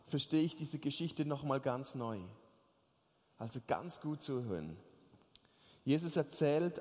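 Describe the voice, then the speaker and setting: A male preacher with a high voice delivers a lively sermon, telling stories with animation and speaking directly to listeners with asides and jokes. A long echo follows his voice, as in a large hall or church.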